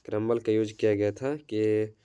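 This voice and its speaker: A man's voice: lowish voice, fairly even intonation, normal speed, warm tone, clear, resonant tone. A young man teaching an English poem in Hindi, drilling exam answers by chanting key terms over and over and mixing English words into his explanations. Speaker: coaching center teacher.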